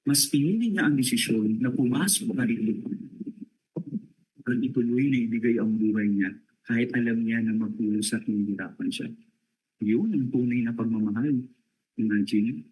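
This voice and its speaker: A man, a priest, giving a Lenten recollection talk, asking his audience rhetorical questions and climbing to high emphatic bursts. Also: moderate pace, a little mellow, husky, poor audio.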